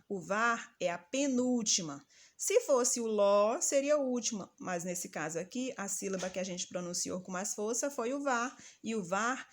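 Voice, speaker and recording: A woman teacher giving a patient, didactic lesson and calling out example words slowly and loudly. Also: medium pitch. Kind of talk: recorded grammar lesson for children.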